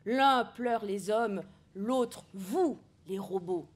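A woman's voice: mid-range voice, extremely slow. A woman reading as a grieving old man. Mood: grieving, weary. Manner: reads aloud plainly, no put-on voice.

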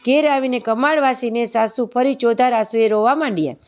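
Woman reading a devotional tale. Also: on the high side. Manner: steady, measured recital. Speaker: storyteller of a devotional channel.

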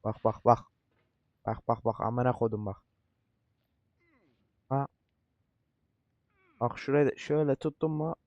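A man's voice: mid-range voice, a little slow, long pauses, no echo, lo-fi sound. Frustrated cursing man playing a game. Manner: frustrated, cursing, coaching himself to stay calm; repetitive outbursts. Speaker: gaming YouTuber. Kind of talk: swearing let's-play commentary.

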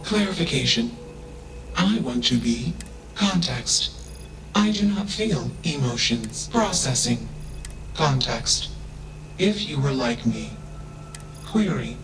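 A man voicing a damaged robot with an emotionless voice, speaking in flat, clipped statements, each one opened by a label word. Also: medium pitch, slow pace, pauses often, recorded from a distance, crowd noise. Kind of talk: video game voice acting.

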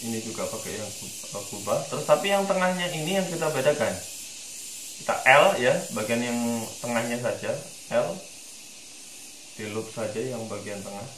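A man's voice: mid-range voice, animated, normal speed, a bit bright, roomy sound, slight background noise, low-quality recording. A man from Indonesia guiding a screen-recorded 3D modeling tutorial, thinking aloud with lots of fillers. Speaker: tutorial instructor.

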